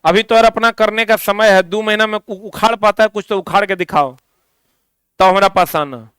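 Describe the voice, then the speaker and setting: A male teacher leads a physics lesson, asking questions and slowly repeating the answers for students to write down. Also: high voice, fairly bright tone, clean tone, no room sound. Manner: drifts into stern ranting.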